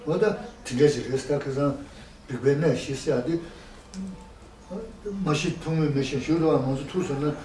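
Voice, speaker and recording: Halting male teacher, echoey distant mic. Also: fairly high pitch, steady tone, mellow. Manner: halting, with many tag questions "¿no?". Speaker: Buddhist teacher. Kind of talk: teaching a lesson. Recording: echoey room, mic far off, faint noise.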